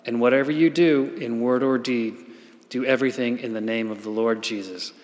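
Male lay reader, solemn and measured scripture delivery, mid pitch, long cathedral-style reverb. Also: steady tone. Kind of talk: formal church scripture reading. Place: large church.

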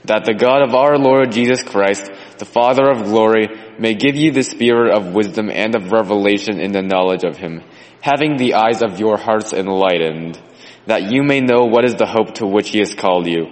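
A man reading scripture aloud in a steady, measured liturgical manner, with cathedral echo around him. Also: lowish voice. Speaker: scripture reader. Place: large church sanctuary. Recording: long reverb of a large church.

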